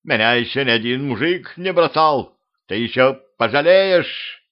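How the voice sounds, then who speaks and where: A man voicing a loud, jilted village woman who shouts threats and pleas. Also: medium pitch, expressive, a little slow, highs cut off, voice pushed up, lightly acted. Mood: threatening.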